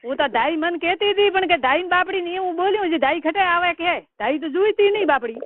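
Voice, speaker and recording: Very high-pitched and animated, a middle-aged woman speaks a little fast, scolding colloquially with a rural Rajasthani Marwari accent. She's a relative calling with advice in a private phone conversation, recorded dry but on a tinny, noisy line.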